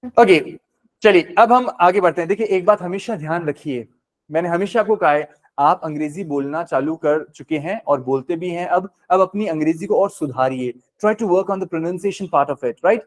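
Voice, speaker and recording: An Indian man whose first language is Hindi teaches a spoken English class, explaining patiently and switching between Hindi and English. His voice sits high and he talks at a normal speed.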